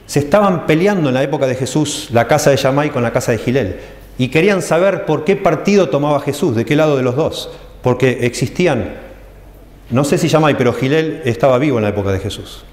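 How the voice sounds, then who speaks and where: Preacher in an echoey church hall. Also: male voice, mid-range voice, animated, darkish tone. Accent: Rioplatense Spanish. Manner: explanatory, reads texts aloud slowly and stresses phrases. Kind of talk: church teaching sermon.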